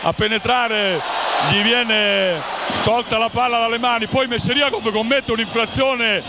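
A man giving live play-by-play basketball commentary as a TV sports commentator, excitedly raising his voice on shots and baskets. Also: very high-pitched, measured pace. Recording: loud arena noise behind commentary. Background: sports hall ambience, bouncing ball.

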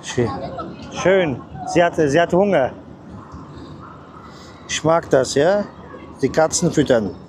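A man filming himself outdoors on a busy city street, chatting casually while feeding stray cats. He coaxes them with soft hissing calls and slips English and Turkish words into his talk. Noisy street sound runs under the handheld recording. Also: a little high, animated, takes it slowly, long pauses, crowd noise. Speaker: vlogger. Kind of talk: casual vlog chat.

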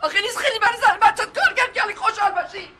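A woman's voice: very high voice, bright, forceful tone, a little hiss or hum. An actress playing a fed-up wife who bitterly scolds her lying husband in a comic TV series. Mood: scolding. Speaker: wife and mother.

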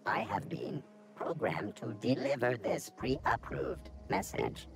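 A performer voicing a calm robot in a game, reading out system messages in an even, emotionless way. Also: medium pitch, slow pace. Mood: dutiful. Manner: even, emotionless machine announcements.

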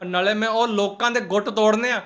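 A man's voice: sits high, steady tone, a little fast, a bit bright. A man with a Punjabi accent giving mocking, sarcastic reaction commentary in colloquial speech. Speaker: host of a roast reaction channel.

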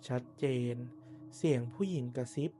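A man narrating a scripted horror story in a soft, measured way, pausing between short phrases. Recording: noticeable background noise and ambience.

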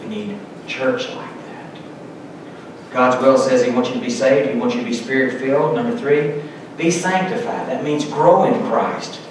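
Expressive and moderately paced, a middle-aged pastor's mid-range voice reads scripture with earnest emphasis from a pulpit. The sermon is recorded indoors in a church sanctuary, sounding distant and echoey with background noise.

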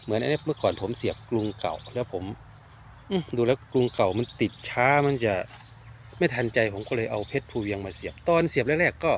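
A man's voice: medium pitch, lively intonation, a little fast, a little hiss or hum. A man casually walking through his garden, explaining plant care step by step and often repeating his words. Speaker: garden owner and plant grower. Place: outdoor rural garden.

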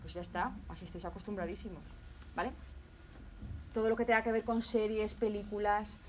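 A woman's voice: medium pitch, fairly even intonation, fairly quick, darkish tone, a little hiss or hum. A woman from Spain with a Zaragoza accent, a language teacher giving a casual video lesson with many fillers and restarts. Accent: Zaragoza Spanish. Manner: chatty, many fillers and restarts, acts out examples.

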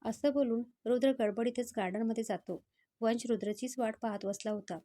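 A woman storyteller reading a romantic story in a steady, scripted narration. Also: a little high, normal speed.

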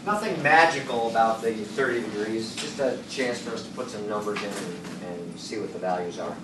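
A man in his sixties giving a chalkboard lecture, working through equations and thinking out loud, hesitating and correcting himself. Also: lowish voice, a little fast. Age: 60s. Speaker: engineering lecturer. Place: classroom at a chalkboard. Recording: roomy classroom, distant mic, background noise.

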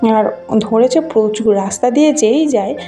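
A woman from Bengal narrates a casual walking vlog, gently enthusiastic as she talks straight to her viewers. Her voice sits fairly high but sounds soft and mellow. She films outdoors on a handheld phone, with faint music running underneath. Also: moderate pace. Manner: chatty, gently enthusiastic, talks to viewers while showing things. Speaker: village vlogger. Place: outdoors in a rural garden and fields. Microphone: handheld phone camera.

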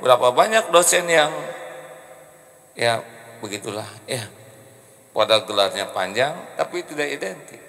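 A middle-aged man with a Sundanese accent giving a joking, animated sermon on a handheld mic in an indoor hall. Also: measured pace, vocal fry, long pauses. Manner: animated, joking, big pitch jumps. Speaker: preacher. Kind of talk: humorous sermon. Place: indoor hall with carved wooden panels. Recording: long reverb of a hall.

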